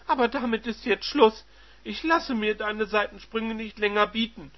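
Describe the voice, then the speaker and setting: A man voicing a furious, humiliated middle-aged wife who shouts shrill accusations, on a dull lo-fi recording. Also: normal speed, natural voice. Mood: accusing.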